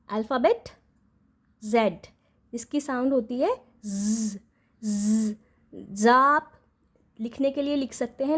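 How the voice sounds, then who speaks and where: Woman, high-pitched, patient phonics teacher, repeats sounds slowly, keeps checking in. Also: darkish tone. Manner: patient, checks in with "ठीक है?" after each point; repeats and draws out each letter sound slowly. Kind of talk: instructional explainer.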